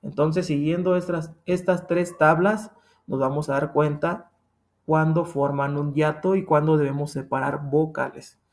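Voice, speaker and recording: A man's voice: on the high side, fairly even intonation, measured pace. A man with a Mexican accent teaching a grammar lesson, patient and repetitive, often checking in with "ok?". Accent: Mexican Spanish.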